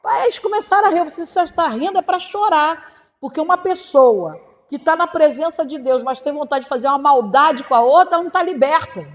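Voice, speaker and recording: A middle-aged woman pastor with a Brazilian accent, preaching a sermon with passion, swinging between loud and hushed and acting out prayers in her own voice. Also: sits high, expressive, quick pace. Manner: acts out prayers in quoted first person. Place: church hall. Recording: long church-hall reverb.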